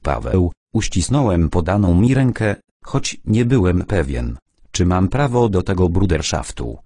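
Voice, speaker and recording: A man narrating an audiobook in the first person, keeping a calm, measured pace with a wry edge. His voice is very low and deep. The recording is close and dry, with no room echo.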